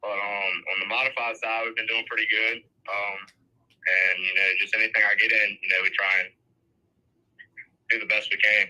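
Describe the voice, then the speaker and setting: Young driver guy calling in on speakerphone, kinda low voice but really bright and sharp, lots of ums. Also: little pitch movement, low-quality recording. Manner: halting, many fillers. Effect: heard over a phone on speaker. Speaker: race car driver. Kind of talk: phone-in interview.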